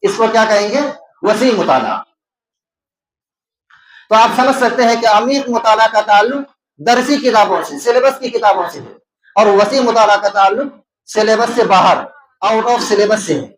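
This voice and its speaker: High-voiced Indian Urdu teacher, echoey. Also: male voice, long pauses. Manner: asks questions and answers them himself; repeats key terms and explains them. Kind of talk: exam-prep lecture. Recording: echoey room.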